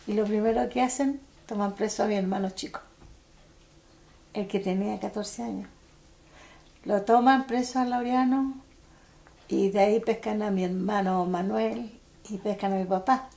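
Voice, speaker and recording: A woman's voice: medium pitch, steady tone, vocal fry, warm tone. Older chilean lady telling her story, stops and restarts a lot. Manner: halting, with frequent restarts. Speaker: interviewee. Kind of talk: personal testimony for a documentary.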